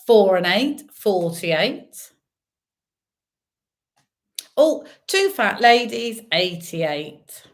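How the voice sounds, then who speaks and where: Slow-paced woman calling bingo numbers. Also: mid-range voice, very animated. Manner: calls numbers digit by digit with drawn-out pauses. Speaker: bingo caller and host. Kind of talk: bingo calling with casual chatty asides to players.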